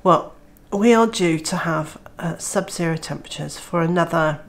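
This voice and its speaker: Speaking at a moderate pace in a fairly low voice, a woman from Wales chats casually to the camera about her homestead. A cold makes her sound nasal and throaty, and her talk is full of "uh" fillers.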